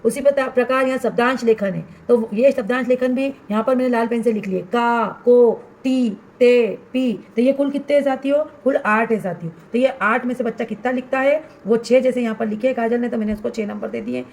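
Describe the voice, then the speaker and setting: A woman's voice: fairly high pitch, fast talker, creaky, few pauses, darkish tone, reverberant. A woman primary school teacher explaining step by step how to fill in a student assessment workbook for fellow teachers. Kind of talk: instructional walkthrough for teachers.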